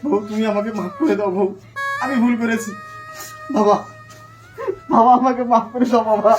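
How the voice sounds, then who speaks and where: A man's voice: high-pitched, steady tone, moderate pace, lightly acted. An actor playing a young husband wrecked by drug addiction, who keeps pleading and sobbing and repeats his words over and over. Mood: remorseful. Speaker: addicted husband in a short film. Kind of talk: melodramatic short-film acting. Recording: echoey, mic far off, music underneath.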